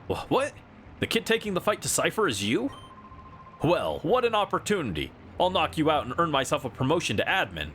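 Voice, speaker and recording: Man putting on a cocky, animated villain henchman. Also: fairly high pitch, a little fast, slight background noise. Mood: startled, gloating. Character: cocky male villain henchman guard, dismissive, excitable. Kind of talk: reading video game dialogue in character.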